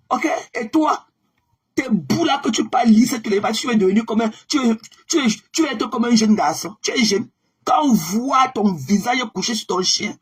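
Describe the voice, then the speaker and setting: A woman's voice: on the high side, husky. A woman hosting a live stream, confronting and mocking a rival in a repetitive, combative way.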